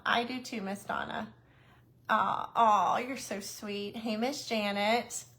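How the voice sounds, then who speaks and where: A woman's voice: a little high, fairly bright tone. A woman hosting a casual craft livestream, chatty and a little nervous, greeting viewers by name.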